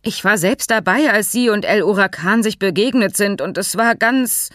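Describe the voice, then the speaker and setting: A woman reading an audiobook, voicing a slow-witted, earnest male horse breeder who speaks slowly and firmly. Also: mid-range voice, a bit bright, no echo, studio quality, pitched above the performer's own voice, natural voice. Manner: slow, firm.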